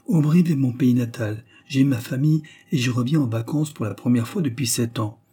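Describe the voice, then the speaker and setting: A man reading an audiobook, voicing an earnest young man who speaks gravely and gently. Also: medium pitch, a little fast, close to an everyday voice. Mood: eager.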